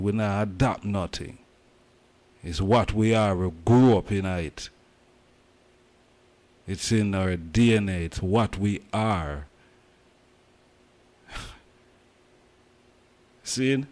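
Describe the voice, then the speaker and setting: A man's voice: on the low side, darkish tone. A man from Jamaica with a Jamaican accent, talking emphatically in patois as host of a casual commentary.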